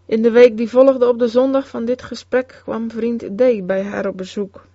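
A woman giving a solemn, measured scripted narration of a religious memoir. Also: a little high, fairly even intonation, mellow, no echo. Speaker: reader. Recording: dull, dry close recording.

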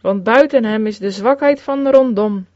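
A woman reading an old-fashioned sermon aloud in a solemn, measured way with archaic phrasing. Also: a little high, no echo. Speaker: sermon reader. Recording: dull, lo-fi recording, dry.

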